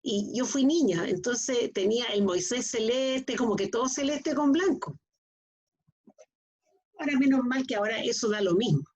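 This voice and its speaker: A middle-aged woman gives an online class lecture, explaining material and often pausing with questions to check that students are following. Her husky voice is fairly high and darkish, at a normal speed, and the lo-fi audio sounds dull.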